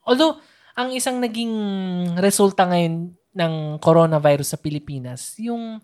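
A woman's voice: lowish voice, expressive, normal speed, darkish tone. A woman in casual conversation, chatty and thinking aloud, mixing English into her sentences. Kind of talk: casual chat.

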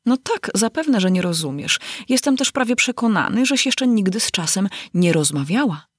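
A woman's voice: mid-range voice, sing-song, normal speed, breathy edge, no echo, clean studio sound, pitched above the performer's own voice. A woman voicing a whimsical, rambling male hatter at a tea party in a storybook reading. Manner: rambling, sing-song.

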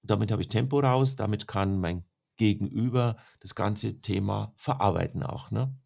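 A man's voice: lowish voice, moderate pace, creaky. A man working as a speaker coach, explaining his points in an interview and often ending with a questioning "ne?". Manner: lively explaining, tag questions. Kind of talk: interview answers.

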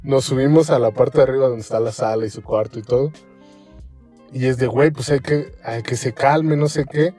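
Mexican man telling a wild story, mellow voice. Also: mid-range voice, normal speed, faint music behind. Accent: Mexican Spanish. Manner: animated, acts out quotes, heavy slang. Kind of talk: casual storytelling.

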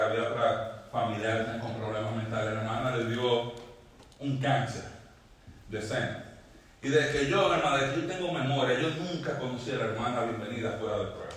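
A man's voice: medium pitch, a bit bright, distant mic, slight background noise. Fervent male preacher in an echoey church. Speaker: pastor. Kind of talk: sermon.

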